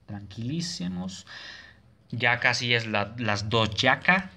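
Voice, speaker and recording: A jumpy young man narrates his horror game run, his bright, forceful voice jumping into yelps and curses. He keeps coaxing himself to calm down between scares. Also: mid-range voice, slow pace. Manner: nervous, jumpy, swears and yelps. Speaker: gaming streamer.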